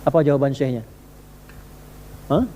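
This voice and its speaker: A man's voice: medium pitch, unhurried, mellow, in a large hall, slight background noise. A male preacher delivering a sermon in a conversational, emphatic way, repeatedly asking his listeners rhetorical questions. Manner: conversational, addresses listeners directly.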